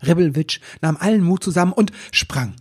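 Very husky male storyteller. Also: a little high, moderate pace. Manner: calm, expressive storytelling. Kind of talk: children's story reading.

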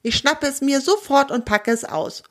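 A woman reading a children's story aloud in first-person narration, lively and expressive, with voiced bits of dialogue. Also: sits high, moderate pace.

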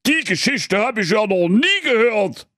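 A high-voiced, grumbling fairy-tale inspector draws out his words slowly with a lively, sing-song lilt, played by a man. The sound is dry and close. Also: dry recording, heavily acted. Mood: exasperated. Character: grumpy, emotional male fairy-tale police inspector.

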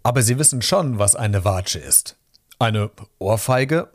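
A man's voice: fairly low pitch, expressive, unhurried, no echo, clean studio sound. A man voicing an exasperated, incredulous woman registry office clerk. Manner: incredulous, sighing.

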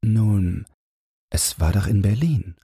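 Male narrator doing a young woman, raised breathy voice, slow coaxing lines, dry close mic. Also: lowish voice, animated, mellow, no echo, voice pushed up, full character voice. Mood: teasing. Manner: laughing, coaxing, intimate. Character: young woman, soft, teasing, enigmatic.

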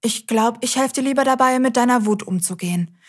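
A woman's voice: on the high side, brisk, breathy edge. A woman hosting a scripted children's audio show, cheerfully talking straight to the kids.

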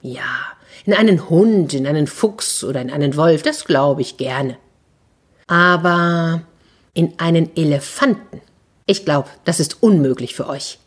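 A woman storyteller voicing a sly, flattering talking tomcat in boots who orders farm workers about and sweet-talks a wizard. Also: low voice, unhurried, breathy edge. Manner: bold, persuasive, theatrically flattering.

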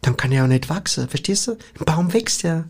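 A woman's voice: low voice, expressive, fairly quick, darkish tone, breathy edge. A woman, playing the naive know-it-all in comic banter.

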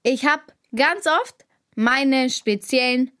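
A woman's voice: high-pitched, slow pace, a bit bright. A teenage girl co-hosting a family podcast, arguing indignantly and talking over her mother. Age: teens. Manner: argumentative, indignant, talks over others. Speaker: podcast co-host, daughter. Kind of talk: casual family podcast banter.

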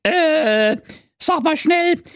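Man putting on a shrill evil fairy. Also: lively intonation, very slow, a bit bright, dry recording, studio quality, full character voice. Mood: shrill scolding. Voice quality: shrill, scolding, cackling. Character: shrill cranky evil fairy woman, quick-tempered. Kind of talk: comedic storybook reading.

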